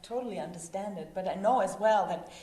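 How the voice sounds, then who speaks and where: A woman's voice: medium pitch, fast talker, warm tone. Hesitant interviewer woman, echoey. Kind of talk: interview questions.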